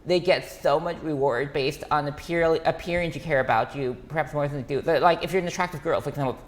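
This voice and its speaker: A man talking as a podcast guest. He speaks quickly, with many fillers, restarts and broken-off phrases. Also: a little high. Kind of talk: casual conversation.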